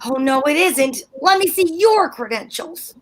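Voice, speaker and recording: Playing a scheming wife from an old-time radio comedy, a woman speaks in a very high voice full of theatrical exclamations. She's bossy and wheedling, forever bluffing with confidence, and her animated delivery runs a little slow with a fairly bright tone.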